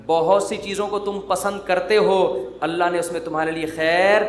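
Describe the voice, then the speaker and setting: Guy preaching w/ lots of jokes, pretty high voice, echoey room. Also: little pitch movement. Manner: jokey, teasing, conversational preaching. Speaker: Islamic preacher. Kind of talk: humorous sermon. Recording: roomy echo.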